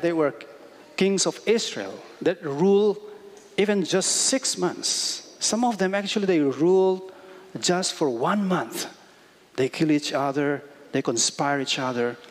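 A man in his thirties preaching a sermon in a church on a headset mic, earnest and slow, with many pauses and fillers and non-native English phrasing. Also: a little high. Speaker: guest preacher. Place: church sanctuary, indoors. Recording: reverberant church hall.

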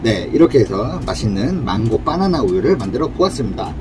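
A man's voice: mid-range voice, big pitch swings, a little fast, background noise. A man demonstrating a cafe drink recipe at a counter, explaining each step in a friendly, polite way. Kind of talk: casual cooking demonstration.

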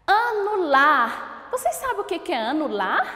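A Brazilian woman teaching young pupils, her high voice rising and falling a lot as she asks questions and praises answers. She talks slowly, drawing out each syllable of a word. The recording sits in a room with a long, roomy reverb. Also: very animated. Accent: Brazilian Portuguese. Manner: slow, drawn-out syllable-by-syllable word pronunciation. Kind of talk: recorded school lesson for children.

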